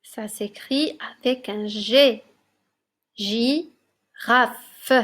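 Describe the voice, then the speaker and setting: Slow, clearly spoken woman teacher. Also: high voice, fairly bright tone. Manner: slow, clearly articulated, encouraging. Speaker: primary school teacher. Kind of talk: slow, deliberate classroom dictation. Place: classroom recording for remote lesson.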